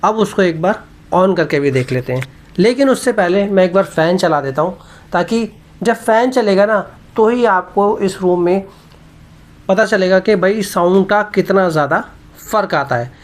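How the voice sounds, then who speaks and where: A man giving a casual product review vlog, explaining step by step in an unhurried way and talking straight to his viewers. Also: sits high, lively intonation. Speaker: tech reviewer vlogger. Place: indoor room. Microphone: wireless clip mic into phone.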